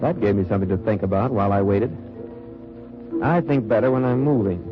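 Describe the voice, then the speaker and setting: A man with a lowish voice speaks fairly quickly in a lightly acted way, playing an undercover wartime agent posing as a wine merchant who narrates his mission. It's 1940s-50s radio drama acting and narration, wary and reflective in mood. The old radio recording sounds dull and has music.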